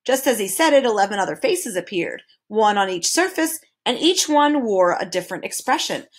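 A woman's voice: medium pitch, big pitch swings, normal speed. Woman reading a children's book aloud. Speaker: narrator.

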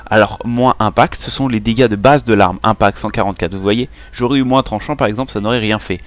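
A man's voice: fairly low pitch, fairly quick. A young man casually talking through a game tutorial, hesitating and restarting often. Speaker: gaming YouTuber.

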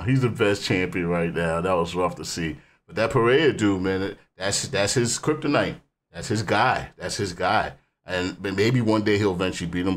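A man hosts a casual music reaction video with a rambling, animated delivery. His voice sits on the low side, and a faint hiss runs under it.

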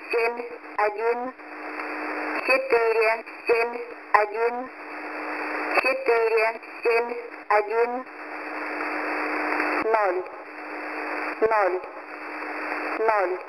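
A woman reading out single digits one by one in a flat, mechanical monotone, as a numbers station announcer on a shortwave radio broadcast. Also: a little high, noisy background.

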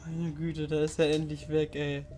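A young woman streaming a horror game live, chatting with viewers, giggly and excitable, often laughing and shrieking. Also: deep voice, moderate pace, soft background music. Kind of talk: live-stream gameplay commentary.

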